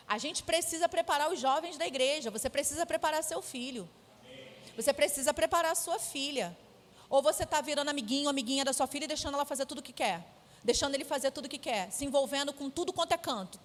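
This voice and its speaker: Talking fast in a high-sitting voice, a Brazilian Portuguese-accented woman delivers a sermon that is emphatic and firm yet conversational. It was recorded in an echoey church sanctuary.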